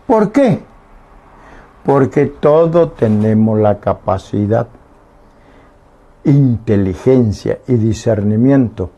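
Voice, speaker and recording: A man's voice: medium pitch, lively intonation, slow, pauses often, dark tone, dull audio. A man teaching a Guarani language lesson on the radio, patiently explaining and often checking that listeners understand. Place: radio studio.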